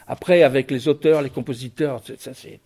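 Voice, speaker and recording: A man's voice: medium pitch, steady tone, a little fast, creaky, warm tone, breathy edge. A man over fifty, a guest in an interview, speaking with passion while often stumbling and repeating his words. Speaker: guest, record producer and music writer. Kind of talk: radio interview.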